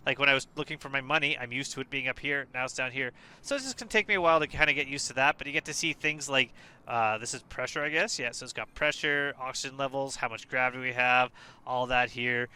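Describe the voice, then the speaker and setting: A tired man casually walking through a game update, relaxed and hesitant, with many fillers and restarts. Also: mid-range voice, fast talker, clear, resonant tone. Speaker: gaming video creator. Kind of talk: casual gameplay walkthrough.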